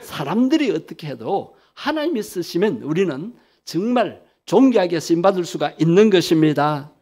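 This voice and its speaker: A man's voice: high voice, very animated, moderate pace, darkish tone. A male pastor preaching a sermon emphatically, leading the congregation in repeating phrases.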